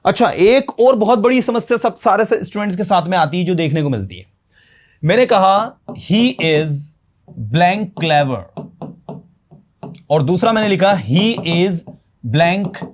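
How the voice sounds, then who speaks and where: A man with a Hindi accent and a fairly high voice gives a classroom-style grammar lesson. He keeps asking his listeners questions and then answers them himself, switching between Hindi and English terms. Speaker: English teacher.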